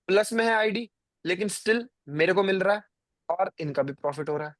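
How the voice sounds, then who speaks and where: Talking straight to his viewers, a trading stream host in his 20s rambles on with plenty of fillers. His high voice has lively intonation and normal speed, captured in studio quality without echo.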